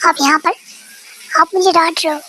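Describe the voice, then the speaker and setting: A woman's voice: very high-pitched, steady tone, normal speed, sharp tone, slight background noise, poor audio. A woman voicing a sulky, childish young wife who talks back, in an amateur fan dub. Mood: defiant. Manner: pouty, defiant.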